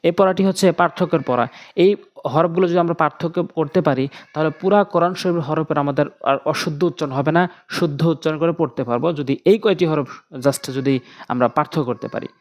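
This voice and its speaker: A man's voice: on the high side, fairly quick. A man gives a Quran pronunciation lesson. He says Arabic letters one by one in paired contrasts, repeating each several times, then explains how the tongue and lips should form them. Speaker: Quran teacher.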